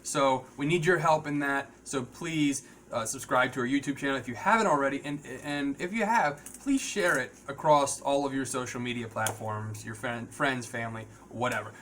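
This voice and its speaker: Halting male podcast host, noisy background. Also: mid-range voice, fairly bright tone. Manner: halting, rambling delivery with repeated words. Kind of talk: casual, unscripted talk to viewers.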